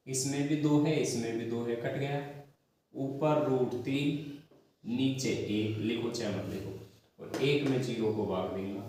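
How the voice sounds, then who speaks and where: A man's voice: medium pitch, a little mellow. A man teaching a math class, explaining step by step with patient repetition and addressing his students fondly. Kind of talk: classroom lesson. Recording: very echoey room, distant mic.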